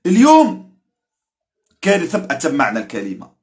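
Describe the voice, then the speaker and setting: This man's slightly high, somewhat mellow voice swings hugely in pitch as he speaks briskly. A football commentator with an Algerian Arabic accent, he rants emphatically to camera, repeating himself and warning indignantly.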